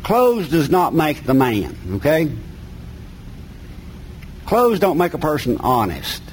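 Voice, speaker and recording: A middle-aged man from the North Carolina mountains preaches a sermon and reads scripture with an Appalachian accent, folksy and plain-spoken, using colloquial grammar. His fairly high voice swoops wildly in pitch and moves slowly, with a slight hiss or hum.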